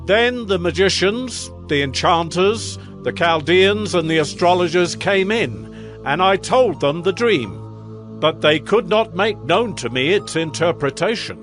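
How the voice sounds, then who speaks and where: Grandiose King Nebuchadnezzar, swooping slow delivery. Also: high-pitched, expressive, fairly bright tone, soft background music. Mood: awed recounting. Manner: declamatory, solemn, measured royal delivery. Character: proud, grandiose ancient Babylonian king, awed by wonders. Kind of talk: dramatized audio scripture acting.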